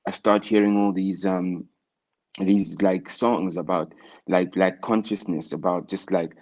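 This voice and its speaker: A man's voice: deep voice, steady tone, a little slow, a little mellow. A South African man talking in a casual conversation, reflective, with many fillers and restarts. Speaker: interview guest, rapper. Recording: dull lo-fi sound.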